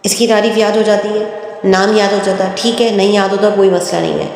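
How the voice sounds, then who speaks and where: A woman teaching Quran reading, explaining patiently and repeating each letter in a drawn-out chant. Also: medium pitch, fairly even intonation, darkish tone. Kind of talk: step-by-step recitation lesson. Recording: very echoey room with long reverb.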